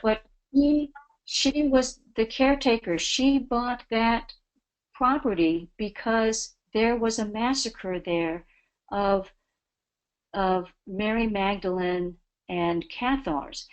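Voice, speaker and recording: A woman's voice: mid-range voice, takes it slowly, poor audio. A woman giving a spiritual talk as a webinar guest, earnest and devotional. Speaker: guest speaker.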